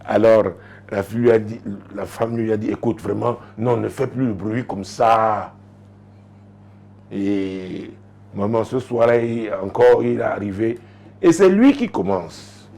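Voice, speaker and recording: A male pastor giving marriage advice in a lively talk show, telling stories with frequent laughter and sudden excited rises in his voice. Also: measured pace, vocal fry. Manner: animated, joking, laughs often, rises sharply in pitch when excited.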